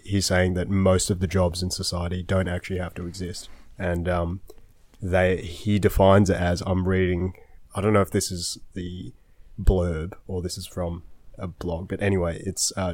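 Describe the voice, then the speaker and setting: Male podcast host, low and nasal, congested with a cold, meandering delivery, dry sound. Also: darkish tone, no room sound. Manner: rambling, many fillers and restarts. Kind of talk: casual chat.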